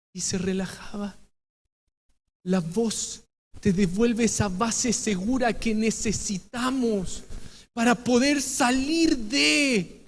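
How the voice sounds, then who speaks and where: A man with a Chilean accent preaching a sermon as pastor, dropping to a hush and then rising to shouted emphasis. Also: very high-pitched. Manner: dramatic swings from hushed to shouted emphasis. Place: church hall. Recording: long reverb of a church hall.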